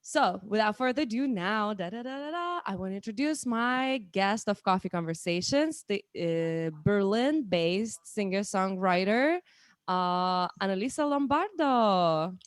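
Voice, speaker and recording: A woman's voice: mid-range voice, lively intonation, a little slow, clear, resonant tone, no room sound, clean studio sound. A woman in her thirties with a Lithuanian accent, hosting a casual live-stream chat with many restarts and fillers. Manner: chatty, with frequent restarts and fillers. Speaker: host.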